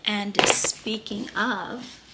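A woman's voice: mid-range voice, steady tone, extremely slow, heavy background noise. A young woman talking casually to her camera in a vlog, chatty and rambling with fillers, at home and in her car. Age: young adult. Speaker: vlogger. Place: home kitchen, then inside a parked car.

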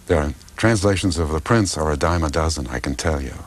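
Older man with a very deep voice. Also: fairly quick. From United States. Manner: thoughtful, hesitant, many fillers and restarts. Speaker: political philosopher and translator. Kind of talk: interview answers.

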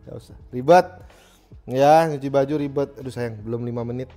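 A man's voice: medium pitch, fairly even intonation, fairly quick, warm tone, soft background music. A man, a livestream host who reads viewer messages and gives joking, slangy advice. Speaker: streamer reading viewer messages. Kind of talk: casual livestream chat.

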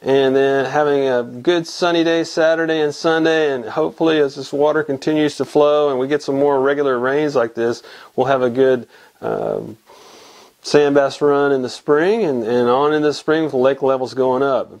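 This fly fishing show host, a man in his fifties from Texas, does a relaxed weekly report from his little home fly shop, talking into a camera mic at desk distance. His pitch is medium, his intonation fairly even, and his speed normal, with a slightly mellow quality. The delivery wanders, full of fillers and restarts.

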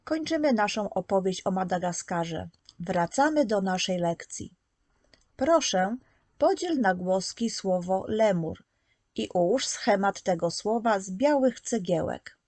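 A woman teaches preschoolers in an unhurried, patient voice, sounding out each letter with care. Her mid-range voice is recorded close and dry, with no room around it. She speaks as if guiding small children step by step. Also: mid-range voice, animated, darkish tone, dry recording. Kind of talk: slow, scripted lesson narration.

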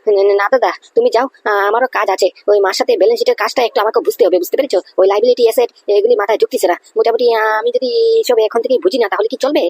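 A woman's voice: on the high side, rapid-fire, darkish tone, slightly rough. A woman voicing a quarrelsome, hot-tempered grown-up son in a cartoon. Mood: evasive. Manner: quarrelsome, blustering.

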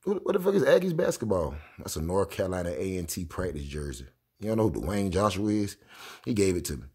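A young man from Jacksonville, Florida, reacting to basketball clips in loud, profane casual talk. His voice is husky and swings widely in pitch as he keeps breaking into excited shouts. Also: fast. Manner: loud, excitable, swears a lot, bursts into shouts.

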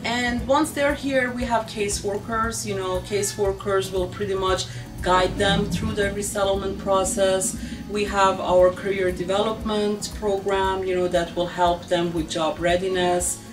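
A woman's voice: medium pitch, little pitch movement, measured pace, far from the mic, low-quality recording. A middle-aged woman in an office interview, speaking earnestly with frequent "you know" and "um". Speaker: refugee agency staff member. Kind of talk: documentary interview. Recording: music under the voice.

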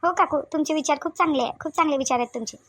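A lonely young new mother speaks in a soft, hesitant Varhadi accent for a cartoon. Her voice sits high and moves quickly. The sound is dry and close. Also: dry recording. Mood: sad. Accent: Varhadi Marathi. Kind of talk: cartoon voice acting.

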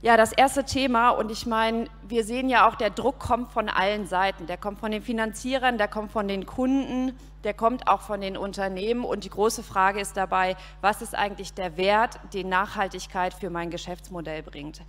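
A woman in her forties, a consultancy partner, gives a composed, structured talk on a conference panel, holding a mic on an outdoor event stage. Her medium-pitched, fairly bright voice has fairly even intonation, normal speed and hardly any pauses. The PA sound is reverberant.

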